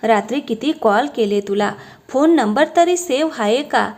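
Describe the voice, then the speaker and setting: A woman's voice: on the high side, lively intonation, normal speed. A woman voicing a boisterous young man scolding and joking with his old friend in a read-aloud story. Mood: bantering. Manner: scolding banter, loud and friendly.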